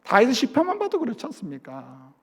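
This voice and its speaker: A man preaching a sermon as a pastor, asking the congregation questions and swinging between loud emphasis and soft, low asides. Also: wildly swooping pitch, quick pace, slightly rough.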